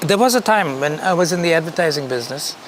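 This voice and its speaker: A man from India with a slightly raised voice speaks as an interview guest, unhurried and reflective. He circles back over his words and laughs easily. Faint background noise sits under the recording. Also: on the high side, lively intonation. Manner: thoughtful, repeats words while searching, laughs easily. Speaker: creative director, interview guest. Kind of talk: casual conversation.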